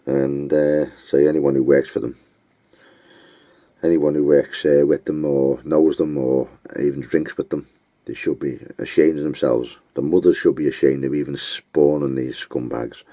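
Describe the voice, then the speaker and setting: Very deep-voiced blunt, scornful man. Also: little pitch movement, mellow, dry recording. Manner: blunt, scornful, name-calling; halting, with many fillers. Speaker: vlogger giving advice. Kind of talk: unscripted monologue.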